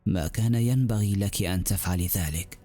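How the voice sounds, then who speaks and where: A man's voice: low-pitched, a little fast, mellow, faint music behind. A man voicing a cold, bitter male demon lord who speaks with mocking weariness.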